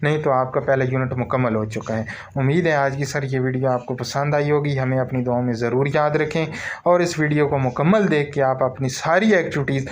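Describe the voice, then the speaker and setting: A man's voice: medium pitch, steady tone, fairly quick, slight background noise. A man with a Pakistani Urdu accent giving a screen-recorded tutorial walkthrough, repetitive and calling his listeners sir. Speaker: online course tutor.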